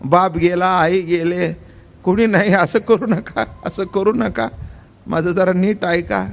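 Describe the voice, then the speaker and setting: A man's voice: high-pitched, steady tone, slow pace, gravelly, heavily acted. An older man voicing an ordinary housewife, pleading and then defiant, inside a kirtan story. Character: stubborn ordinary housewife, middle-aged woman.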